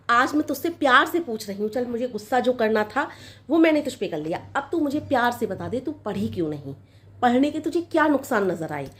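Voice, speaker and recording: A woman playing a proud, sharp-tongued older mother-in-law who nags and scolds in a comic sketch. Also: sits high. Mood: questioning. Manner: nagging, scolding, repetitive complaints.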